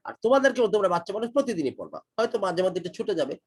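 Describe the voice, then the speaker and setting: A man's voice: high voice, sing-song, racing, a little mellow, breathy edge. A middle-aged Bangladeshi man teaching kids English in an online class, emphatic and repeating his points, mixing English phrases into his speech. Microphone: online class call.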